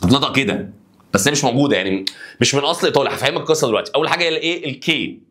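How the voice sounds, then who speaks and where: A man's voice: medium pitch, expressive, very fast, a bit bright. A man with an Egyptian Arabic accent teaching an online language lesson, drilling letters and asking students to repeat after him.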